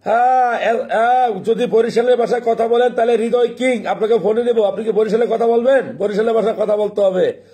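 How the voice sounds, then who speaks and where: High-voiced man hosting a live call-in. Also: mellow. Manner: friendly, repeats phone numbers slowly, laughs often. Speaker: live-stream host phoning viewers. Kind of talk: casual live call-in chat.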